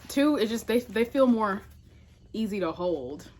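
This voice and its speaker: There's background noise as a woman book vlogger speaks to camera in a casual, chatty way. Her medium-pitched voice is animated yet a little slow, and she's emphatic and informal, often correcting herself with asides.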